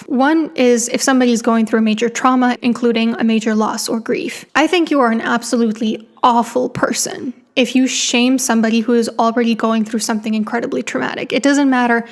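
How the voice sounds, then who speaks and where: Impassioned woman psychologist, higher voice. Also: steady tone, fairly quick, hardly any pauses. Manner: impassioned, blunt, with rhetorical questions. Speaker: psychologist and channel host. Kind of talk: opinionated commentary to camera.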